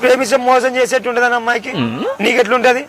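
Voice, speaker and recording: A man's voice: very high-pitched, little pitch movement, racing, a bit bright, a little hiss or hum. A young man pulling a prank, playing a heartbroken guy and pleading with repeated questions, recorded outdoors on a street. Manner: pleading, keeps asking questions, repeats himself.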